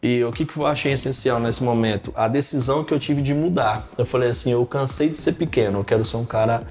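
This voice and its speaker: A man's voice: medium pitch, fast talker, soft background music. A man in his thirties, a pastor, telling stories in a casual podcast chat and filling his talk with "cara" and "né". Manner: animated storytelling, frequent "cara" and "né".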